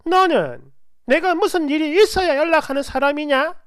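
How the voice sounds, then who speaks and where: A woman voicing a middle-aged mother-in-law who shouts and picks fights over the phone. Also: high voice, moderate pace, dry recording, studio quality, pitched above the performer's own voice, natural voice. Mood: scolding.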